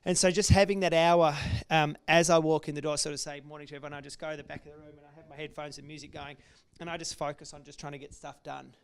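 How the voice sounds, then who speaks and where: Gravelly business owner telling stories. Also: male voice, on the high side, flat delivery, quick pace, few pauses. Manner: candid storytelling, many restarts. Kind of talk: casual talk to an audience.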